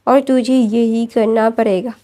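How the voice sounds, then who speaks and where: A woman's voice: fairly high pitch, fairly even intonation, a little slow, warm tone, close to an everyday voice. Woman voicing a bossy possessive young man. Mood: insistent.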